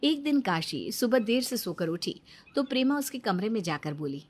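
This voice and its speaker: A woman narrating a scripted cartoon story in an even, clear storytelling manner. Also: a little high, moderate pace.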